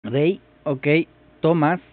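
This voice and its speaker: A man's voice: on the high side, drawn-out words, no echo. A man vlogging his first try at a new language, thinking aloud hesitantly and repeating phrases as he works them out. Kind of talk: casual thinking-aloud commentary. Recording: tinny phone-like sound.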